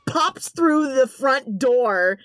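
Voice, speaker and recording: A woman's voice: sits high, animated, very slow, no echo. A woman co-host chatting casually and jokily through a film recap.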